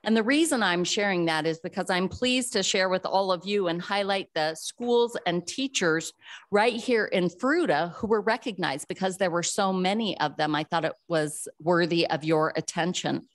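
A woman's voice: fairly low pitch, normal speed. A middle-aged woman, a school district foundation director, giving earnest remarks at a council chamber podium with frequent fillers. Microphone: podium microphone.

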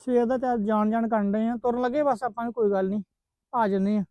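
A man's voice: very high-pitched, steady tone, a little fast, dry recording. A man chatting in an easygoing, plain-spoken way in a family vlog drama. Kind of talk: casual Punjabi family vlog acting. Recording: slightly dull, lo-fi sound.

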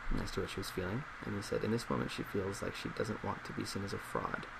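Sitting at a desk in a compact office, a man in his twenties speaks softly in a deep, heavily creaky voice for an ASMR role play as a psychologist. He moves at a quick pace, reading out responses and reflecting, while a laptop fan keeps up a loud, constant hiss.

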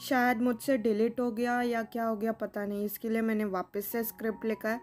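A woman's voice: fairly high pitch, flat delivery, brisk, darkish tone, soft background music. A woman who runs the channel, chatting casually to her viewers and calling them guys. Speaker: channel creator.

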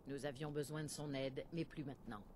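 A stern, ruthless warrior-leader, as a woman voices her in a French game dub, handing down cold, unbending verdicts. Her tone is dark and mellow, never rising. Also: low-pitched, steady tone, fairly quick, slight background noise, natural voice. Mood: cold, resolute.

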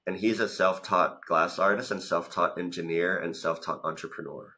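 This deep-voiced man speaks at a normal speed with fairly even intonation, and his tone is pushed and bright. He is a Thai business coach and founder in his thirties, guesting in a casual interview where he chattily narrates his career, peppering it with "like." He is recorded over a video call in a room at home through a studio mic in front of him.

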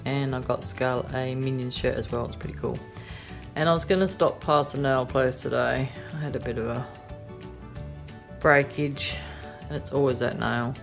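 A woman's voice: extremely low pitch, fairly even intonation, normal speed, vocal fry, music in the background. An Australian woman chatting casually about her shopping, rambling with lots of ums and yeahs, recorded on a phone in a car at night. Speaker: vlogger. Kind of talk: casual haul chat.

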